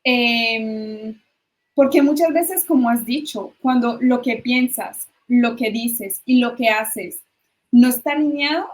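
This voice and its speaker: A woman's voice: fairly high pitch, takes it slowly. A woman guest expert explaining ideas in a conversational interview, with hesitant restarts.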